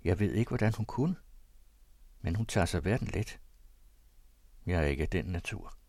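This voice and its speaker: A man with a fairly low voice reads an old diary aloud in the first person. His delivery is emotional, sinking into hushed confession and rising into agitated outbursts. The sound is dry and close. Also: animated, dry recording. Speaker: reader.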